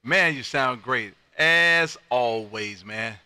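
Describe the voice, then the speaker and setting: Bright, animated male ham radio operator. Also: medium pitch, takes it slowly, smooth, no room sound. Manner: hearty, friendly, punchy sign-offs. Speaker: amateur radio operator running contacts. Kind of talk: ham radio calling and chat.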